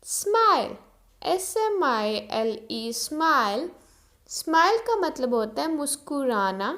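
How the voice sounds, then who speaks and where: A woman's voice: sits high, big pitch swings, slow, fairly bright tone. A woman teaching English vocabulary, saying each word, spelling it out letter by letter and giving its meaning. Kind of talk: slow vocabulary drill.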